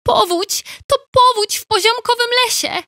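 A fretful young beaver lady from a children's storybook, put on by a woman narrator. Her voice sits higher than the narration and breaks into exclamations and laments. The sound is dry and close. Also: lively intonation, moderate pace, a bit bright, no echo. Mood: alarmed. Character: young female beaver, homely and easily upset. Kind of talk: storybook character voice.

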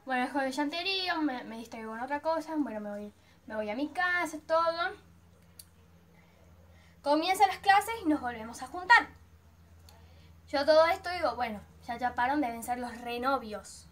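A woman's voice: high voice, lively intonation, moderate pace, long pauses. A teenage girl with an Argentine accent telling a personal story in a chatty vlog, dramatically acting out her own reactions. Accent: Argentine Spanish. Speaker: vlogger.

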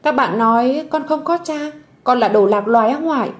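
A woman's voice: on the high side, a little fast, natural voice. A woman voicing a sweet little girl who is tearful and clingy, in a storybook audio drama. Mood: plaintive. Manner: bright childlike pleading.

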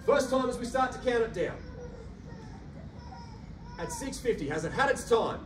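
Filmed from afar in a carpeted function room, a man auctioneering with an Australian accent coaxes buyers while firing off bids in a quick, rhythmic chant. His voice is very high and expressive, picked up by a handheld mic, with the far camera lending the audio a roomy echo and a slight hum.

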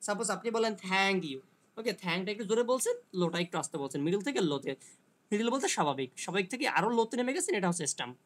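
A man giving an online linguistics lecture who explains slowly, reads English passages aloud and answers students by name. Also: sits high, lively intonation. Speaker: teacher.

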